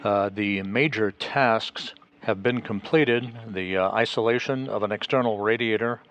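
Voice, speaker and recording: A man giving live spacewalk commentary as a mission control announcer, in a halting, measured official delivery. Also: on the low side, fairly bright tone. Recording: noisy mission control broadcast feed.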